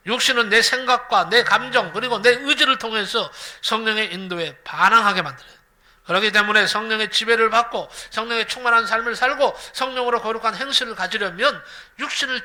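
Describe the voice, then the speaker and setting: A male pastor preaching a sermon, telling a story and asking the congregation questions. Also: high voice. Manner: lively, repeats phrases, asks the congregation questions.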